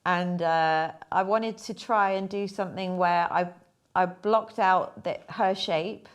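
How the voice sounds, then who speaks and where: Young woman, fairly low voice; relaxed, rambling artist chat with fillers. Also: slow, clear, resonant tone, muffled recording. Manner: chatty, rambling, hesitant with fillers. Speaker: artist talking through her paintings. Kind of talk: casual chat.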